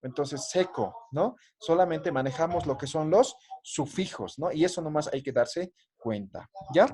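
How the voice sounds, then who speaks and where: A man's voice: a little high, animated, unhurried, darkish tone. A man teaching an online language class, patiently drilling greetings and often ending phrases with a questioning "¿no?".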